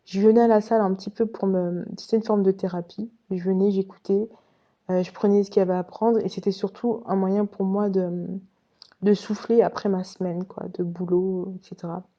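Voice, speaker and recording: A woman's voice: mid-range voice, level tone, moderate pace, mellow, muffled recording. A woman casually telling a personal story to her viewers, chatty and direct. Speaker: vlogger recounting her past.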